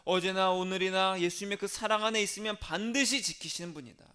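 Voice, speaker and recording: High-voiced Korean pastor preaching. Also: male voice, fairly quick, sharp tone, clean tone. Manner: call-and-response preaching, drops to whispers. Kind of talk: sermon.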